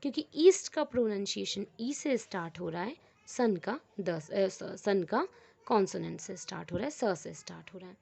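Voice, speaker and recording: A woman teaching an English grammar lesson in a patient, explanatory way. She asks the class questions and answers them herself, repeats every rule several times, and reads the English example sentences slowly. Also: medium pitch, animated, gravelly, darkish tone, husky. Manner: switches between Hindi and English, reading English examples slowly.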